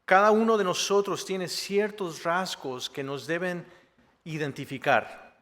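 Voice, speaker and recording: A man preaching a Spanish sermon in a friendly, joking way, with a slightly high voice and a long church-hall echo. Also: unhurried, fairly bright tone. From Mexico. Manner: conversational, joking asides with rhetorical "¿verdad?". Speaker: assistant pastor. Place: church sanctuary.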